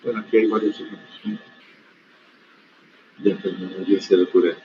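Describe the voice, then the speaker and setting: A man's voice: low-pitched, fairly even intonation, moderate pace, a little hiss or hum. A man giving an online medical lecture in a stern, corrective teaching manner, answering student questions. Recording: dull lo-fi call audio.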